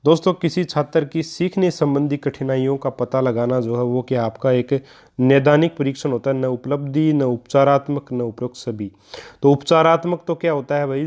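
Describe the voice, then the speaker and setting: A man's voice: mid-range voice, mellow. A man, teaching an online exam-prep lesson and explaining each answer step by step to the listeners he calls friends.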